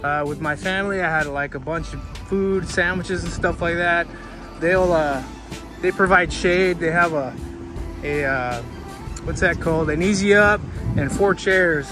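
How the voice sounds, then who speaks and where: A middle-aged man narrating a casual travel vlog as he walks outdoors, talking in a relaxed, rambling way with lots of fillers and restarts, holding the camera at arm's length. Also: a little high, unhurried, music in the background. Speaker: travel vlogger. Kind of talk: casual walking tour narration. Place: outdoors by the sea, streets and hotel balcony. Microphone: handheld camera at arm's length.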